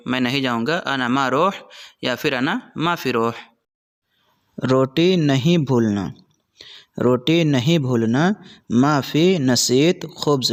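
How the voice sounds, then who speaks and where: A man teaching spoken phrases to his channel's viewers, with a bright, forceful voice. He says each phrase slowly, repeats it several times, then drops into quicker, chatty remarks. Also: mid-range voice. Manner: quick, chatty asides between drills. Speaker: Arabic teacher and channel host. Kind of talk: spoken-language lesson in Hindi.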